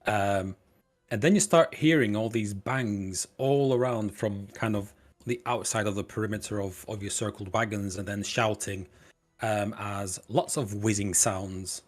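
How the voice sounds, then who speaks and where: Low-voiced game master. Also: male voice, a little slow, soft background music. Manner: rambling, hesitant narration. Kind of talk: narrating a tabletop game.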